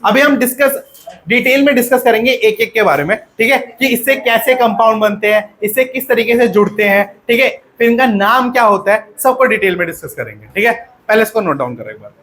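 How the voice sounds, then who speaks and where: High-voiced man teaching a class. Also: lively intonation, fairly quick, a bit bright, slight background noise. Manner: asks the class questions and repeats answers. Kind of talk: classroom lecture to students. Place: classroom with pupils.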